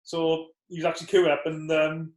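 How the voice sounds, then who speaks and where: A man's voice: fairly high pitch, monotone, moderate pace, a little mellow. A man, a former boxer co-hosting a casual podcast, recalling memories thoughtfully. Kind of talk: casual chat. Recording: roomy echo.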